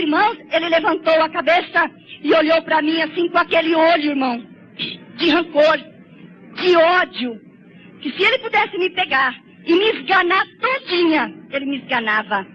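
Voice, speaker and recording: Very high-voiced woman preaching tearfully. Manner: fervent, tearful, keeps addressing listeners as brothers. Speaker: church sister giving a testimony. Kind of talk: emotional testimony sermon. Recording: slightly dull lo-fi recording with faint noise.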